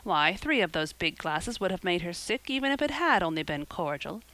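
A woman reading an audiobook, voicing a stern, practical older woman who scolds briskly and plainly. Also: lowish voice, lively intonation, pushed and bright, no room sound. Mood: stern, dry. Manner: brisk, scolding and matter-of-fact. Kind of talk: audiobook character voice.

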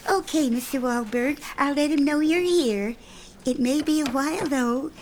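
A woman's voice: high-pitched, normal speed, a little hiss or hum, close to an everyday voice. An actress playing a polite, motherly office receptionist in an audio comedy drama.

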